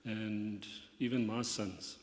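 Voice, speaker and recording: Older man from Zambia, halting memorial speaker, low voice, hall echo. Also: steady tone. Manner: halting, many fillers like "yeah" and "um". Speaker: brother giving memorial tribute. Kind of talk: memorial speech. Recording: long reverb of a hall.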